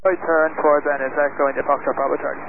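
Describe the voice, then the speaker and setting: A man's voice: fairly high pitch, little pitch movement, fast, creaky. A male pilot reading back instructions over a radio transmission. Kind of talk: aviation radio readbacks. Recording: tinny radio band with static noise.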